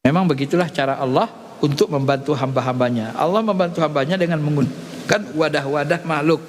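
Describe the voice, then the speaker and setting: A man's voice: on the high side, brisk, long reverb tail, slight background noise. A man teaching in a sermon, telling stories with animation and acting out the dialogue himself. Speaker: religious teacher.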